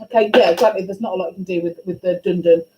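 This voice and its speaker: A woman teaching a music class, questioning and encouraging her students in a brisk way. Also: on the low side, fairly even intonation, mellow, highs cut off, slight background noise. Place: school classroom. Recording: echoey classroom, faint ambience.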